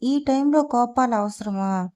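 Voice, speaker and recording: A woman's voice: fairly high pitch, unhurried, warm tone, close to an everyday voice. A woman reading the part of an anxious young man who asks direct, worried questions.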